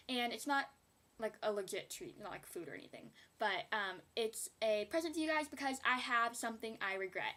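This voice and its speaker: A woman's voice: fairly high pitch, fairly bright tone, slight background noise. A young woman chatting casually in a beauty haul video, rambling with giggly asides. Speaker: beauty vlogger.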